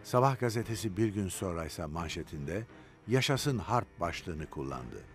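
Man, documentary narration, low voice, lively intonation, faint music underneath. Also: unhurried. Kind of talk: scripted narration.

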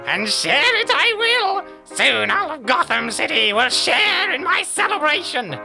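Casting: a gleeful clown villain, very high, wildly swooping delivery, theatrical cackle, comic dub. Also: male voice, big pitch swings, unhurried, creaky, sharp tone, soft background music, heavily acted. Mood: gleeful, scheming. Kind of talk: comic dub character acting.

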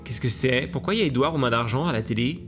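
A man commentating a video game to his viewers, excitable and laughing often, with hiccups. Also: medium pitch, quick pace, faint music behind. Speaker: gaming YouTuber. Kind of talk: let's play commentary.

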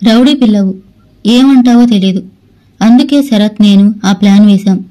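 A woman's voice: medium pitch, normal speed, lightly acted, poor audio. A woman voicing a young husband in a storybook, sarcastic at first and later tender. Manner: sarcastic, later gentle and pleading. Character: brooding young husband, harsh then tender.

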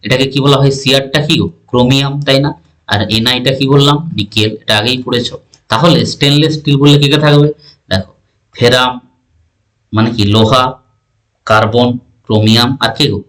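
Running an exam-prep science lesson, this male teacher keeps repeating terms and checking the listener's understanding with questions. He has a mid-range, slightly bright voice.

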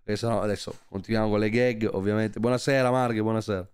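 A man's voice: fairly low pitch, steady tone, fast talker, a little mellow, clear, resonant tone. A man commenting live on a stream in a sarcastic, joking and crude way. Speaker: streamer reacting to a podcast.

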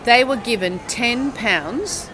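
A woman's voice: on the high side, lively intonation, takes it slowly, background noise. A woman in her sixties with an Australian accent, a university English teacher telling a long, rambling story in a casual interview at an outdoor cafe on a town square, stopping to correct herself and check in with the listener.

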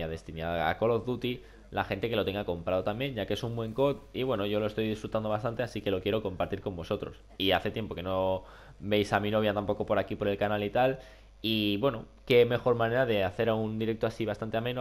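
Young man, Spain Spanish accent, low pitch, duck-like nasal voice, stuffed up with a cold, rambling casual gaming chat. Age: young adult. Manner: rambling, colloquial. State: sick with a cold. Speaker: gaming YouTuber. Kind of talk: casual chat over gameplay. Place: small room at home.

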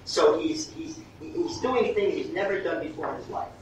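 A man coaching actors through a master class, halting and repeating words as he explains. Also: sits high, lively intonation. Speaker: acting teacher. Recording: distant echoey room, muffled, faint hiss.

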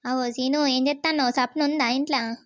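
A woman's voice: high-pitched, fairly even intonation, brisk, no echo, muffled recording, natural voice. A woman voicing a concerned young woman friend in a cartoon, giving advice in a Telangana Telugu accent. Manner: concerned, advising.

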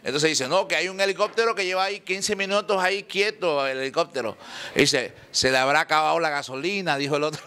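Bright and forceful, fairly high and quick, the voice belongs to a salsa singer in his forties, with slight background noise. At a table in an indoor restaurant, he holds an effusive, joke-filled press conference, laughing a lot, using table microphones before switching to a handheld mic.

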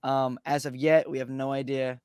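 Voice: medium pitch, flat delivery, moderate pace, darkish tone, smooth, no room sound, clean studio sound. A podcast host running a casual interview, upbeat and full of fillers and affirmations.

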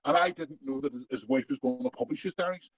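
A man's voice: mid-range voice, quick pace, no echo. A man interviewed about his past with his voice digitally altered to hide who he is. He talks bluntly and emphatically, swears often and repeats words for stress, over a dull remote connection. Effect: voice digitally altered to disguise identity. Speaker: interviewee, former undercover agent. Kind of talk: angry first-person testimony in an interview.

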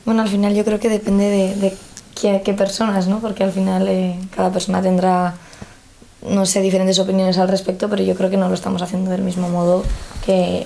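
Casting: hesitant young woman, mellow and flat delivery, faint noise. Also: mid-range voice, vocal fry, poor audio. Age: 20s. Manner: hesitant, many fillers. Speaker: lead actress. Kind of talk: interview answers. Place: indoor press room in front of a film poster.

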